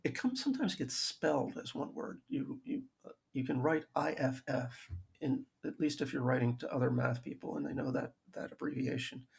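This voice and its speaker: A man lectures on logic over slides in a heavily gravelly, rough and breathy voice at a middling pitch. He explains patiently, stumbles into restarts, and drops wry asides at his own expense. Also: expressive, moderate pace. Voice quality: gravelly, husky voice. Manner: dry self-aware humor, frequent restarts.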